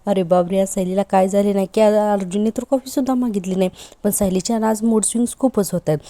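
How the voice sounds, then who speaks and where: A woman recapping a television serial episode, retelling it in a lively way and quoting the characters. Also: mid-range voice, fast, dry recording. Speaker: serial reviewer.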